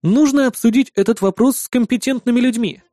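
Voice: mid-range voice, fairly quick, mellow. A reader narrating an audiobook in the first person with a wry, laid-back delivery.

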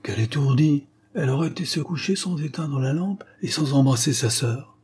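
A man voicing a kindly old man who exclaims in a flustered way, his voice raised and husky. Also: mid-range voice, animated, moderate pace, a little mellow, pitched above the performer's own voice. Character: kindly fumbling old man, startled and distraught.

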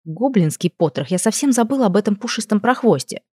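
A woman narrating a first-person fantasy audiobook in a lively, expressive way on a close mic. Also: medium pitch, a little fast, husky, no room sound.

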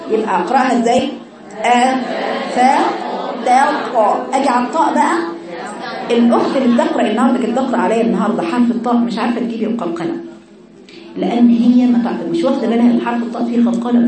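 A woman with an Egyptian accent teaching Quran recitation to a class of girls, asking questions and answering them herself and drawing out letter sounds to show them. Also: on the high side. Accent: Egyptian Arabic. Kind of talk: classroom lesson on tajweed letter qualities. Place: classroom with female students. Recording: echoey room, mic far off, students' voices behind.

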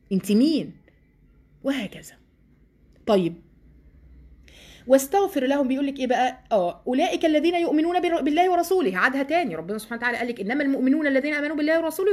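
A woman with an Egyptian Arabic accent gives a religious lesson to a group of women. She reads passages aloud and then explains them in a lively way. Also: sits high. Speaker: Quran teacher.

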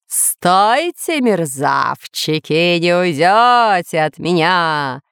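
A woman voicing a boastful masked villain who booms out threats and gloats. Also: lively intonation, slow, fairly bright tone, smooth, no echo, clean studio sound. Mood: menacing. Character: boastful masked villain, self-styled ruler of the island.

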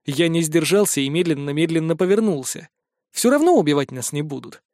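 A man narrating an audiobook in a steady storytelling manner. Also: fairly high pitch, fairly quick, no echo, clean studio sound.

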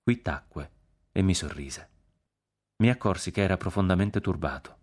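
A man reading a novel aloud on a radio program in a measured, grave, unhurried way. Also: deep voice, expressive, darkish tone. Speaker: audiobook reader on a radio program.

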